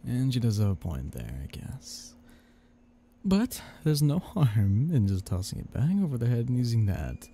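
Man playing a mellow, smug tempting devil. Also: mid-range voice, very animated, normal speed, a little hiss or hum. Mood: scheming. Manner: sly, coaxing, teasing. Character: smug, tempting male devil, scheming and playfully menacing. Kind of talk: ASMR audio role-play.

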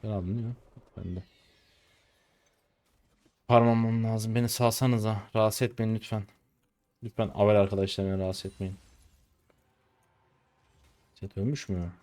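A man's voice: on the low side, fairly even intonation, moderate pace, pauses often, darkish tone. A man in his twenties streaming a game live, ranting at his teammates in an irritated, cursing way. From Turkey. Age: 20s. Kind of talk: live gameplay commentary.

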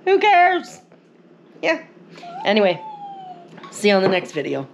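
A woman's voice: medium pitch, huge pitch swings, a little slow. A woman hosting a casual home vlog, chatting to the camera in her kitchen and laughing often. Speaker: vlog host, military wife. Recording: noisy home recording.

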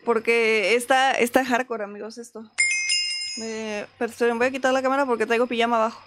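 A woman's voice: a little high, steady tone, fairly quick, background noise. A woman with a Mexican accent streaming a game from home, chatting casually and greeting viewers by name. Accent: Mexican Spanish. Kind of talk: casual live-stream chat.

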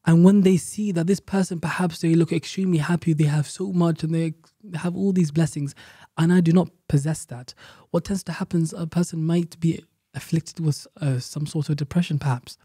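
A man's voice: fairly high pitch, steady tone, normal speed, hardly any pauses, mellow, slightly rough, no room sound, studio quality. A man, an Islamic teacher and podcast guest, earnestly explaining Quran verses and repeating key phrases for emphasis.

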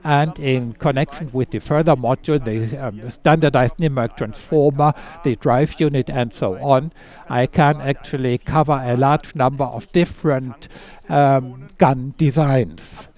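A middle-aged man gives a technical product presentation as a company representative. His tone is measured and explanatory, and he pauses with "um" now and then. He speaks at an ordinary pitch. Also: darkish tone. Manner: measured, explanatory, pausing with fillers. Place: indoor industrial exhibition hall.

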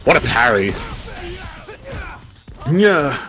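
Excitable man calling a fighter match. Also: medium pitch, very slow, soft background music. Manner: excitable, joking, reacts loudly to hits. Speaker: esports commentator. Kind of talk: live fighting-game commentary.

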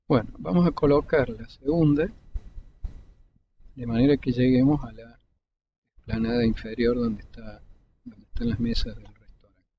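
A faint rumble runs under the dull, lo-fi desktop-mic sound as a male 3D modeling instructor explains his tutorial. He stays calm, taking each step in turn over the screen recording and pausing between clicks.

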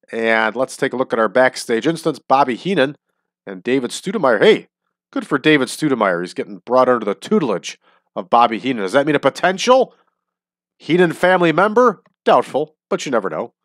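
A man hosting a wrestling simulation series talks to "everybody" in cheerful, casual commentary, though a sinus infection makes him stuffy and nasal. His voice is medium-pitched and fairly bright, with clean studio sound and no echo.

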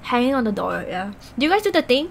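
A woman's voice: a little high, sing-song, fast, vocal fry, slight background noise. A young woman, chatting casually with her viewers while she eats. She rambles and giggles, leaning on "like" constantly. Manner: rambling and giggly, heavy use of "like". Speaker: Twitch streamer.

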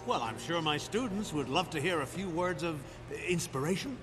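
A man's voice: a little high, animated, moderate pace, fairly bright tone, soft background music. An actor playing an upbeat monster professor who lectures his class heartily. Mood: hearty.

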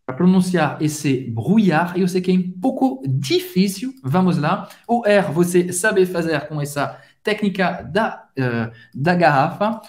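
Man, language teacher, slightly high voice, slow drilling pace, repeats every phrase. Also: animated. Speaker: French teacher. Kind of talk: language lesson.

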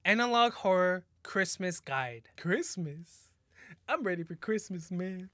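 Reacting from his gaming setup in a small indoor room, a twenties-aged host from California speaks a little slowly in a pushed, bright, high voice with lively intonation. His commentary is slangy and exclamatory, with music in the background.

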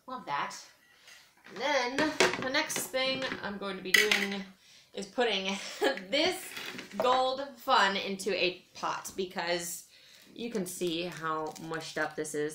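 Bright-voiced young woman chatting in an echoey room. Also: fairly low pitch, a little hiss or hum. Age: young adult. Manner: conversational, thinking aloud, repetitive. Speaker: vlogger. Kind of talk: casual rambling chat while cutting soap. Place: small carpeted room with bare walls, indoors. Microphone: camera a metre or two away. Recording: echoey room, camera mic at a distance.

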